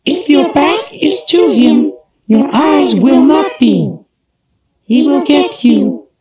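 A man voicing a tiny female night wisp spirit, speaking slowly and gravely, with faint music behind. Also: very high-pitched, expressive, darkish tone, highs cut off, voice pushed up, exaggerated voice. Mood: ominous. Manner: slow, grave, prophetic.

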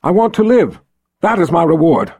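A man voicing a frightened but firm young girl who answers calmly and reproachfully. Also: a little high, moderate pace, breathy edge, heavily acted. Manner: calm, steady, reproachful.

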